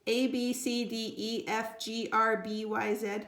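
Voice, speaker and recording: A high, excitable four-year-old boy, as a woman reading aloud puts him on, playful and show-offy with sing-song put-on voices. The storybook reading sounds roomy and echoey. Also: unhurried. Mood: chirpy. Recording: roomy echo.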